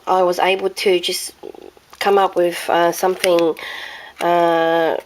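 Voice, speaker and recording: An Australian woman talks through her craft projects in a hoarse, croaky voice. Her pitch sits on the low side. She rambles casually, full of ums and half-started words. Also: flat delivery, slow pace. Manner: rambling, many ums and restarts. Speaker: crafting vlogger. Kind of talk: casual show-and-tell chat.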